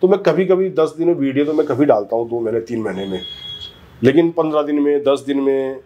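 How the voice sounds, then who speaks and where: A man's voice: mid-range voice, animated, a little fast, dark tone, dull audio. A man as a guest in a heated political interview, talking emphatically, arguing his points and often cutting in over the interviewer. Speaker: interview guest, community leader.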